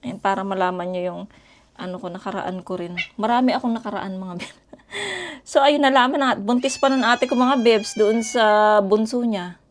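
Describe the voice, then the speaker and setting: A woman's voice: medium pitch, normal speed, a little hiss or hum. A middle-aged woman from the Philippines, chatting casually and rambling to her viewers as she tells stories at home. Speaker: vlogger. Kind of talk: casual storytelling chat to viewers. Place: home in Korea.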